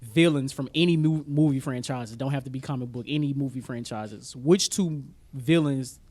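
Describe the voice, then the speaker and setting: A podcast co-host with a medium-pitched, slightly mellow voice chats casually about music, films and sports. He talks at a normal speed in slangy, informal language and agrees readily with whatever comes up.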